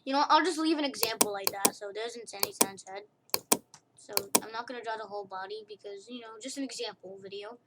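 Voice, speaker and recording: A woman's voice: fairly high pitch, fast. A young woman casually talking through a screen-recorded drawing tutorial, rambling, correcting herself and giggling at her own asides. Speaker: tutorial maker. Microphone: computer mic during screen recording. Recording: loud hiss with keyboard and mouse clicks.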